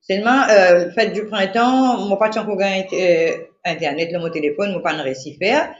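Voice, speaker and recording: Mauritian creole accent lady, animated repetitive chat, echoey muffled radio sound. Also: mid-range voice, moderate pace. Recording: roomy lo-fi radio recording.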